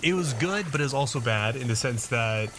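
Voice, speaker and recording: A video host with a medium-pitched, animated voice comments casually on his gameplay at a brisk pace. He rambles with lots of fillers and restarts, and his nose sounds a bit stuffed up.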